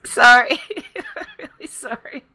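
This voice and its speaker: A woman co-hosting a casual podcast, her voice husky from feeling a bit unwell, chatty and quick to giggle. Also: a little high, sharp tone. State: husky, a bit under the weather. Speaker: co-host.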